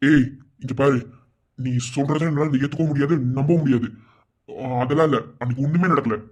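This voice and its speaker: A woman's voice: rumbling low, a little fast, slightly rough. A woman voicing a defensive, flustered young man in a cartoon, with a Madurai Tamil accent. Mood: stern. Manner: defensive, blustering, threatening. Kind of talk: cartoon voice acting.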